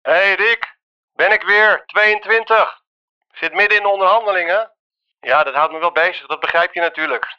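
A man's voice: sits high, moderate pace, clear, resonant tone. A man leaving a voicemail message, heard played back over a phone line, reading out a news report in a businesslike manner. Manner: businesslike, reads a report aloud. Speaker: caller. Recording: dull lo-fi phone playback.

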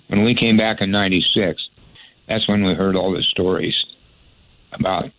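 Deep-voiced older man telling folksy stories. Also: a bit bright, dry recording, poor audio. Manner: folksy, rambling anecdotes with frequent restarts. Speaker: former sports radio broadcaster. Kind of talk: storytelling interview.

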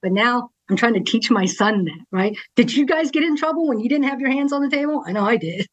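In a rough recording, a middle-aged Texan woman with a slightly high voice talks in a brisk, animated way. A TV news anchor appearing on a podcast, she's candid and casual, laughing frequently and adding "right?" after her points.

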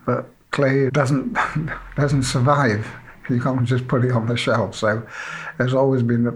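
A man's voice: medium pitch, level tone, measured pace, slight background noise. Man from South Wales, rambling storyteller. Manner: rambling, frequent "you know", self-deprecating. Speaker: sculptor being interviewed. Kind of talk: relaxed interview storytelling.

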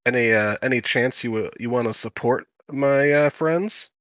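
Hesitant male player, bright voice. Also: mid-range voice, normal speed, no room sound. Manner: hesitant, stumbling over words. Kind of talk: playing a tabletop game.

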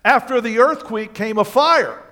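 A man preaching a sermon to a congregation, reading scripture aloud and commenting on it, moving between quiet asides and loud emphasis. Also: extremely high pitch, unhurried. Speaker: pastor. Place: church sanctuary.

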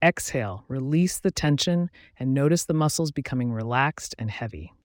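A man guiding a relaxation meditation in a calm, soothing, measured way, giving instructions with pauses. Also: mid-range voice, no echo, clean studio sound. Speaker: meditation guide. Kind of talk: guided relaxation meditation narration.

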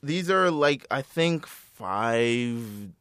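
A young man, telling a story as a profane, animated rant in casual chat. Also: mid-range voice, extremely slow, smooth, no echo, clean studio sound. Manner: swears a lot, animated storytelling.

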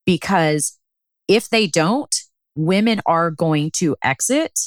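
A woman's voice: lowish voice, expressive, slow pace, dry recording, studio quality. A woman hosting a conversational interview, speaking earnestly and emphatically in long winding sentences. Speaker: interview host.

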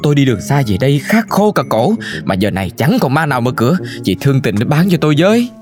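A man's voice: mid-range voice, big pitch swings, quick pace, over music, close to an everyday voice. A man voicing a thirsty, pleading male traveler in a cartoon, wheedling and dramatic. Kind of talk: cartoon voice acting.

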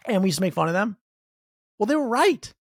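A man hosting a podcast, delivering a sarcastic political comedy rant that swings between loud outbursts and low mutters. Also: very animated, brisk, slightly rough, no room sound, studio quality. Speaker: podcast host.

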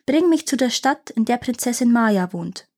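A woman voicing a resolute young prince in a fairy tale reading, speaking calm and clear. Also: fairly high pitch, moderate pace.

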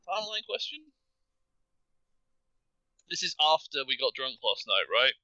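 Sharp, forceful man bantering at a tabletop game. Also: medium pitch, big pitch swings, measured pace, no room sound, muffled recording. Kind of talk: casual in-character banter and narration.

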